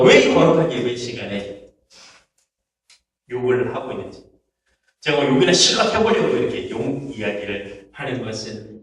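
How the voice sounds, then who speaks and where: Pastor with a very lively pitch in a roomy church. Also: male voice. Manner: storytelling, quotes people's curses in acted asides. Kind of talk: sermon. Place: church sanctuary. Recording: echoey church hall, mic at a distance.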